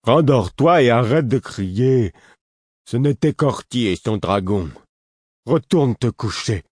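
A man doing a slow grumpy simpleton. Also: medium pitch, expressive, a little mellow, breathy edge, no echo, studio quality, pitched above the performer's own voice. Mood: sleepy grumbling. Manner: slow, drawn-out, whiny. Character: slow, grumpy, simple-minded male servant.

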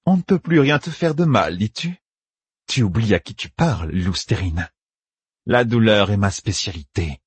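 A sadistic sorceress taunts her captive in a raspy, raised voice, as a male narrator puts her on. The audiobook read is dry and close, and her sneering delivery swings widely in pitch. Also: lively intonation, normal speed, no echo. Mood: mocking. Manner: taunting, mocking and cold. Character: cruel sadistic female sorceress villain.

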